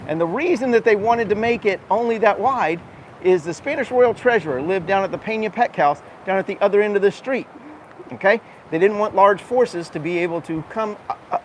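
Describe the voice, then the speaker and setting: A man giving a conversational, explanatory live walking-tour commentary as host, recorded outdoors on town streets. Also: high voice. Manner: conversational, explanatory, pointing things out. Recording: noisy outdoor street recording with urban ambience.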